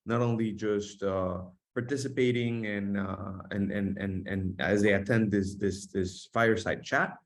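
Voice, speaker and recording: A man's voice: lowish voice, steady tone, unhurried, hardly any pauses. A man hosting an online webinar from an office, talking with many fillers and restarts. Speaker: host. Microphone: video call.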